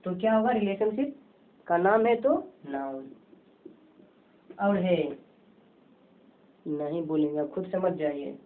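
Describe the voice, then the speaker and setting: Over tinny, phone-like lo-fi audio, a woman gives a home-tuition grammar lesson, repeatedly posing questions and answering them herself in a drilling way. Her voice is on the low side, slow, with long pauses.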